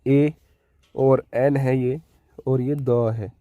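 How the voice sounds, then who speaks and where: Speaking extremely slowly, this Hindi-accented man walks his listeners through English grammar one step at a time, his medium-pitched voice keeping a fairly even intonation. Key words come up again and again, and he regularly asks "ठीक है" to check on them. There's no room sound, and the audio has a phone-like quality.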